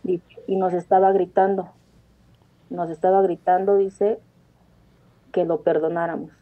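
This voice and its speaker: A woman's voice: on the low side, level tone, measured pace. A woman, calling in to tell a personal story earnestly, rambling with frequent restarts. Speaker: caller. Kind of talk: telling a personal story on a phone-in show. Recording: tinny phone line.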